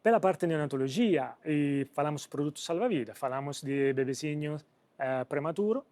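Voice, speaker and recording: In a dry recording, an Italian-accented company president from Italy answers business interview questions, stumbling and searching for words throughout. His voice is animated, slightly high and slightly mellow.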